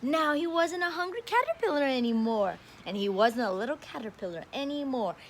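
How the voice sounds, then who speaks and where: There is slight background noise as a woman teacher, high-pitched, animated and brisk, leads an animated read-aloud and counting session for small children. Her manner is sing-song and encouraging, very much a teacher's.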